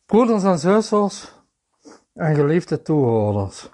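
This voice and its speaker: A man delivers a sermon, his voice sitting a little higher than most men's. He speaks earnestly, reads scripture aloud with its references, and now and then stumbles into a halting restart. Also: big pitch swings, dark tone. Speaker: preacher.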